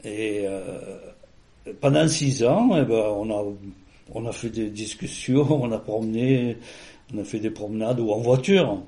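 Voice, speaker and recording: A man's voice: on the low side, measured pace, warm tone. A man being interviewed, recounting a personal story in a casual, rambling way with many restarts and fillers.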